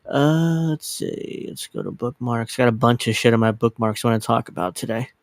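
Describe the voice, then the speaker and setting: Rambling, scattered and casually profane, this thirties-aged livestream host pokes fun at himself as he chats. His medium-pitched voice moves at normal speed, captured on a dedicated microphone with studio quality and no echo.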